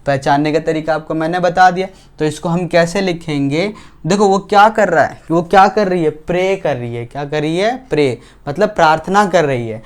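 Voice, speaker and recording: A man teaching English grammar in an online lesson, speaking slowly and deliberately, asking questions and answering them himself. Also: fairly high pitch. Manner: slow, deliberate, asks and answers his own questions; spells out English example sentences word by word.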